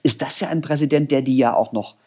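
Podcast guy talking a lot, husky voice, pretty expressive. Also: medium pitch, quick pace. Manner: expressive, wordy, laughing often. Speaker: podcast co-host. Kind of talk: casual chat.

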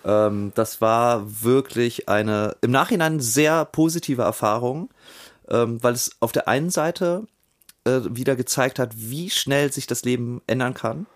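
A middle-aged man in casual podcast conversation. He tells his story animatedly and slips into excited reenactments of what people said. His pitch sits in a middle range for a man. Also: measured pace. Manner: animated storyteller, acts out scenes with raised voice. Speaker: podcast host. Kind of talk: casual chat.

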